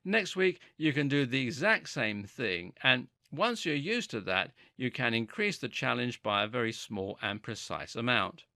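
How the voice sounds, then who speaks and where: Bright, lively male instructional narrator. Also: medium pitch, a little slow, few pauses, dry recording, studio quality. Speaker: narrator of a fitness guide.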